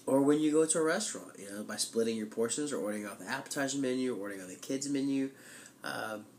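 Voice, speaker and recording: A man's voice: mid-range voice, fast, a little mellow, slight background noise. Stuffy-nosed man vlogging with a head cold. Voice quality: stuffy, blocked-nose sound. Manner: conversational, loose, frequent "you know". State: congested head cold and allergies, sounds like tissue up one nostril. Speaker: weekly vlogger. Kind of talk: casual chat to camera.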